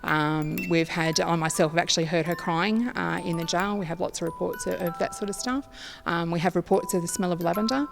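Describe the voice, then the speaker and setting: A woman's voice: on the low side, a little fast, gravelly. An Australian woman working as a tour guide, giving informative interview answers about local history. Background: music.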